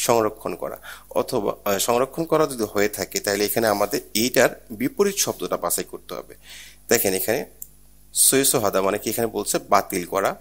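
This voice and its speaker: A man's voice: fairly low pitch, creaky. A man teaching a Korean exam prep lesson, explaining each question step by step and asking rhetorical questions as he goes.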